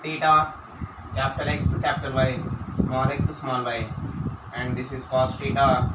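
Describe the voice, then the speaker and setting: A man's voice: medium pitch, little pitch movement, measured pace. A man with an Indian accent teaching mathematics as a classroom lecture, dictating key points and repeating phrases. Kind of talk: classroom lecture for exam students. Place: echoey room, teaching at a board. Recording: roomy, distant microphone, noisy background hum.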